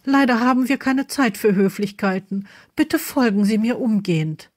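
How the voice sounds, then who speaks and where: A commanding older headmistress, as a woman reader puts her on, formal and urgent. Her voice sits noticeably higher than the narration. She speaks as a figure in a read-aloud story. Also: normal speed, darkish tone, close to an everyday voice. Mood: welcoming. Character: stern but kind older female headmistress.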